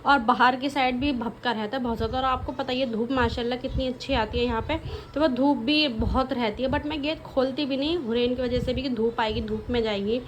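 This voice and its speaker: A woman's voice: steady tone, a little fast, hardly any pauses, slight background noise, rough recording. A young woman vlogging casually at home, talking in a rambling, chatty way to her viewers. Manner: chatty, rambling, switches to high baby talk with her toddler. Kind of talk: casual home vlog chat.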